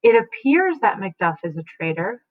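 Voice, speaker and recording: A woman's voice: medium pitch, sing-song, normal speed, no echo. A woman teacher explaining a play, checking in with her students as she goes. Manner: explains and checks in with "right?" and "okay?". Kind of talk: literature lesson. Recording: tinny phone-like dry sound.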